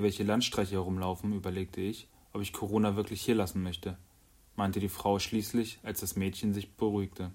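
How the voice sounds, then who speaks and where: Low-voiced man narrating a story. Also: darkish tone. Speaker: audiobook narrator. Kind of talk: scripted first-person narration.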